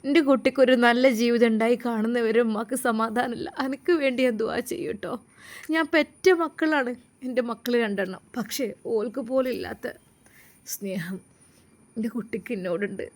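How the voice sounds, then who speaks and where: A woman's voice: fairly high pitch, moderate pace, lightly acted. A woman with a Malappuram Malayalam accent voicing an older mother-in-law who tenderly misses her daughter-in-law. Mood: tearful. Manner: tender, pleading, doting. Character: heartbroken older mother-in-law, affectionate and tearful.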